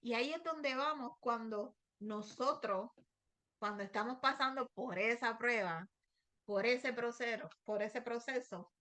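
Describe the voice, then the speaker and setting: Woman preacher, middle-aged, fairly high voice; heartfelt personal testimony, slows down and repeats pleading lines. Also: sharp tone. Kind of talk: devotional sermon.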